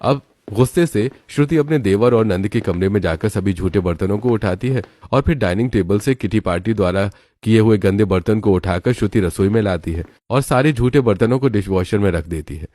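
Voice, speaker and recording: A man's voice: lowish voice, brisk, few pauses, mellow, no echo, clean studio sound. A man giving scripted storytelling narration for a cartoon.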